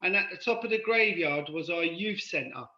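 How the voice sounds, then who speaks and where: A man's voice: high-pitched, moderate pace, sharp tone, roomy sound, dull audio. An Irish-born man with a London accent, a guest in a casual chat, rambling and often asking "do you know what I mean?". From Ireland. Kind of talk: casual conversation.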